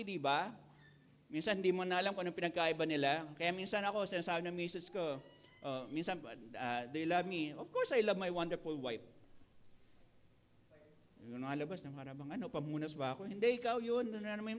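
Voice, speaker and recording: High-voiced Filipino pastor preaching. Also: male voice, brisk. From Philippines. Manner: mixes Tagalog and English, playful asides to the congregation. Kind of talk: sermon.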